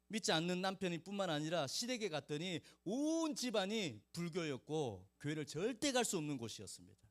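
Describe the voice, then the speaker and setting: A man's voice: high voice, fairly bright tone. A male pastor preaching a storytelling sermon in a conversational way, speaking directly to the children in his congregation by name.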